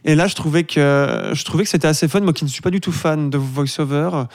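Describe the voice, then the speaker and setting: A man's voice: fairly high pitch, quick pace. Opinionated man reviewing a film. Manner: opinionated, rambling with restarts. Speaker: film critic. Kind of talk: casual review discussion.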